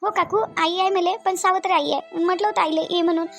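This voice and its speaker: A woman's voice: very high voice, fairly even intonation, fairly quick, gravelly. A sad lonely young Varhadi mother. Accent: Varhadi Marathi. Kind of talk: cartoon voice acting.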